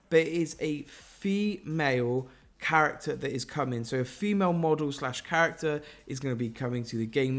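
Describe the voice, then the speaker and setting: An enthusiastic man talks through game leaks in a voice pitched a little above most men's. He speculates freely and speaks straight to his viewers. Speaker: gaming YouTuber.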